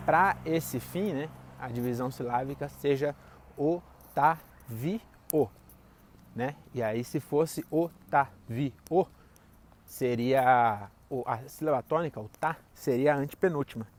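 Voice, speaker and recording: A man's voice: medium pitch, moderate pace, darkish tone, a little hiss or hum. A young Brazilian man talking to camera while walking outside, rambling and sarcastic, with faint background sound. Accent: Brazilian Portuguese. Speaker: vlogger. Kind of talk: walking vlog monologue. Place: outdoors, walking.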